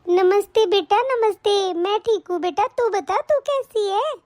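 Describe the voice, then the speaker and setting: A woman playing a gentle, humble old aunt. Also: very high-pitched, a little slow. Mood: modest. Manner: soft, modest, affectionate. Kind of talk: animated story voice acting.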